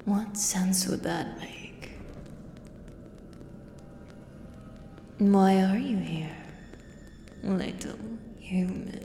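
Woman playing a menacing she-beast, ASMR role-play, slow predatory beast-man taunting, dark soft tone, cavernous reverb. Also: mid-range voice. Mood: curious, suspicious. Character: menacing female axe-wielding beast hunting an adventurer. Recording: echoey cavern-like reverb, audible background noise.

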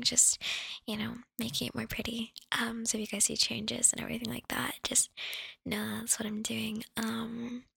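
A woman's voice: fairly high pitch, gravelly, a bit bright, slightly rough, dry recording. A young woman audio creator whispering a casual, rambling update to her listeners while chewing gum. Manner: rambling, affectionate, with little laughs.

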